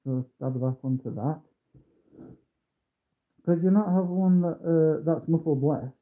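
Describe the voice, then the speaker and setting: A man's voice: fairly high pitch, a little slow. A man livestreaming while building a kit, his voice muffled as though through a mask or a wall, mumbling and humming to himself. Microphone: phone mic. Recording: tinny muffled phone audio.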